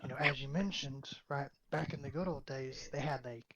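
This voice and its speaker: A man's voice: mid-range voice, normal speed, a bit bright. A man speaking as a guest in a casual book discussion, thoughtful and full of fillers, often checking for agreement. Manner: thoughtful, filler-heavy, asks for agreement with "right". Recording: dull lo-fi mic with faint noise.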